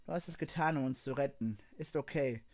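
A man voicing a calm, soft-spoken young male soldier in a story reading. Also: mid-range voice, brisk, natural voice. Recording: dull lo-fi recording.

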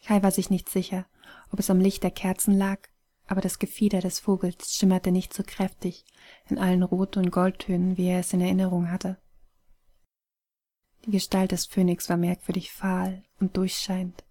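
A woman narrating an audiobook story in a soft, hushed, breathy manner. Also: on the low side, monotone, normal speed.

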